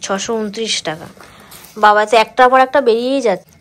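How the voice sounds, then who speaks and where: A woman's voice: mid-range voice, fast talker, fairly bright tone. A woman chatting casually to viewers in a home vlog. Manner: chatty, talks to viewers directly. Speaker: vlogger.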